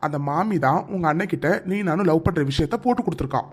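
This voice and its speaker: A man's voice: on the high side, lively intonation, fast, breathy edge. Teasing, exasperated young cartoon lover voiced by a man. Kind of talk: cartoon dialogue.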